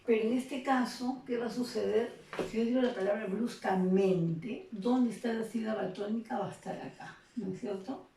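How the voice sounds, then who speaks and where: A woman teaches a lesson, explaining patiently and checking in with her listeners as she goes. Her voice is gravelly and mellow. It sounds off-mic in an echoey room with faint background noise. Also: on the high side, normal speed, recorded from a distance. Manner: explanatory, checks in with frequent tag questions. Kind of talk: recorded classroom lesson.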